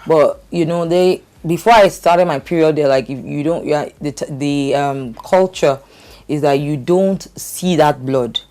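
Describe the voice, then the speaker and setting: A middle-aged woman candidly telling her life story in conversation, halting with fillers and restarts. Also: low-pitched, warm tone. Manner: hesitant, with frequent fillers and restarts.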